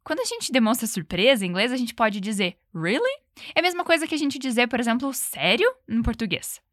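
A woman teaching English in a bilingual lesson, giving clear encouraging repeat-after-me drills and slowing down to model pronunciation. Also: a little high, sing-song, a bit bright, dry recording, clean studio sound.

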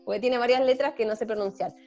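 A Chilean woman with a Chilean Spanish accent introduces herself as a band member in a casual group chat with friends. Her voice is a little high and mellow, and she talks fast, chattily and self-deprecatingly, with lots of fillers. The recording is slightly muffled, with faint guitar music in the background.

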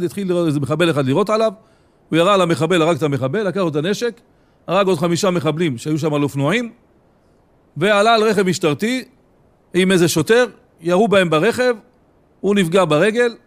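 A man, a rabbi, giving a Torah lecture, retelling stories and teachings in a lively storytelling way with frequent "he says". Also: sits high. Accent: Israeli Hebrew.

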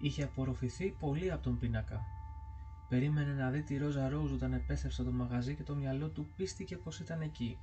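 An audiobook narrator with a mellow, medium-pitched male voice reads a scripted ghost story. His storytelling is steady and measured.

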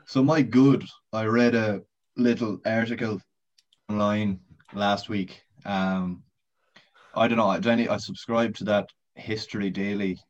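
A man with a low, deep voice chats casually as a podcast guest and winds through a long, rambling story with swearing and laughs along the way. The audio is dull and lo-fi. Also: fairly even intonation, a little slow. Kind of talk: casual chat.

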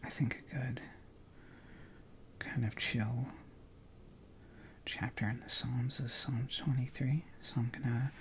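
A man leading a guided contemplative prayer session, talking softly in a hushed whisper with long pauses and relaxed, informal asides. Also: mid-range voice, a little hiss or hum. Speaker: prayer leader.

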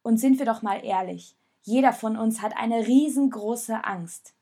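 A woman voicing a young girl who urgently pleads with her friends to hold together, in a storybook reading with a breathy voice. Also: on the high side, measured pace, a little mellow. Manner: urgent, pleading then firm. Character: girl named Rosa, young, determined peacemaker.

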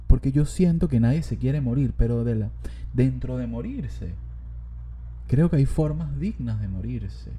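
A man's voice: mid-range voice, lively intonation, unhurried, warm tone, a little hiss or hum. A young man with a Venezuelan accent, hosting a podcast in a casual comedic monologue, joking, swearing and rambling as he talks. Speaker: podcast host.

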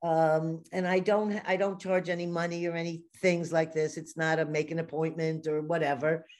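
This woman's deep, slightly mellow voice has a flat delivery at normal speed. She hosts a podcast with a New York accent, telling stories, chatting and laughing frequently in a casual interview.

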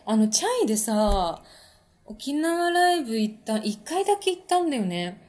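Relaxed and chatty, a female podcast host and musician answers viewer comments during a casual live stream, laughing frequently and using plenty of fillers. She speaks at a normal speed in a voice on the high side.

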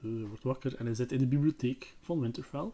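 Talking fast, a male podcast host gives a laid-back, conversational retelling of a book, with frequent hesitations and fillers. His pitch is an ordinary middle range.

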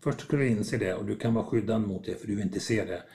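This man speaks at a fairly low pitch with a creaky, dark voice. As a podcast guest he talks conversationally and reflectively, often acting out little dialogues to explain his points.

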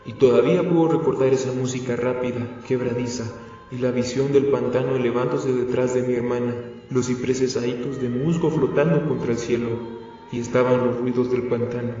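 A man voicing a courteous, centuries-old male vampire who speaks in a calm, polite, confiding way in an audiobook. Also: mid-range voice, natural voice. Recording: echoey, distant, dull, faint music.

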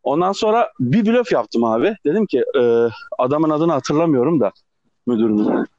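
A man's voice: on the high side, normal speed, no room sound. A man with an Ankara accent telling stories in casual podcast chat, acting out the people he quotes. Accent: Turkish, Ankara. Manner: animated, acts out quoted people. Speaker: podcast co-host. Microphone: phone. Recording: dull lo-fi phone recording.

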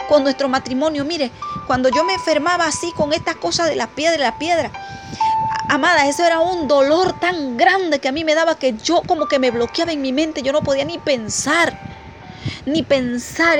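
A woman preaching a testimony sermon with fervent conviction, often calling her listeners "amadas". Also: high-pitched. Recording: music playing clearly behind.

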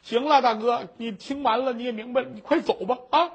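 A man voicing a poor middle-aged widow who sobs and pleads in drawn-out wails. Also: extremely high pitch, vocal fry, slightly rough, heavily acted. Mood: weary telling.

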